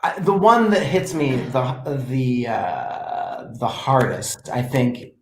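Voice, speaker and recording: A man and performer chatting casually as a host, telling animated stories and often restarting his sentences. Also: medium pitch, slow, roomy sound, a little hiss or hum. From United States. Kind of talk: casual chat.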